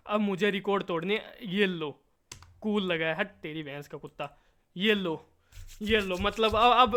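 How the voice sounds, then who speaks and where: Bright high-pitched excitable man. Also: smooth. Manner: silly rhyming chants and playful scolding of the game; excitable, stretches words into repeated chants. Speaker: gameplay commentator. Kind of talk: comic gameplay commentary.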